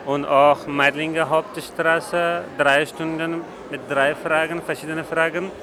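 A man from Afghanistan, speaking simple, halting German with pauses in a casual interview in a large event hall. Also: fairly high pitch, level tone, a crowd in the background.

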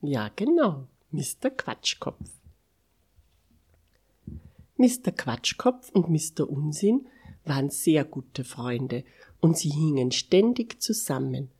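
A woman reads a bedtime story to children in a low, husky voice, taking her time. She is expressive, swinging widely in pitch and slipping into whispers for the asides. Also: slow, pauses often.

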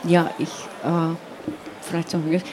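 In a noisy recording with clear background ambience, a woman poet gives a thoughtful, explanatory interview. She comes from Carinthia in southern Austria, speaks Slovenian as her first language, and has a lowish voice with flat delivery, pausing and searching for words and often saying "ja."

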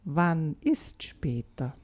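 A woman's voice: low-pitched, lively intonation, drawn-out words, a little mellow, pitched below the performer's own voice, full character voice. A woman reading a story aloud and voicing a shy but stubborn little girl. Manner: firm, then wheedling.

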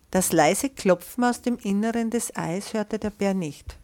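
A woman reading a children's picture book aloud in a lively way, pausing to describe the pictures. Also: medium pitch. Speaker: storyteller.

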